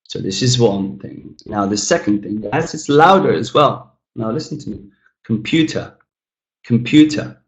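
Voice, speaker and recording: A man's voice: lowish voice, lively intonation, moderate pace, few pauses, lo-fi sound. Man teaching pronunciation in an echoey room. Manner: demonstrates sounds by exaggerating stressed syllables and mumbling unstressed ones; explanatory, addresses viewers as guys. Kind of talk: recorded language lesson.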